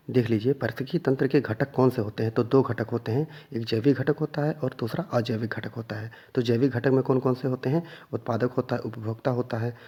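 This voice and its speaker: A man's voice: mid-range voice, mellow, husky, highs cut off. A man teaching an exam revision lesson, asking questions and answering them himself, stressing the key points again and again. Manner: repeats key points and quizzes listeners with questions.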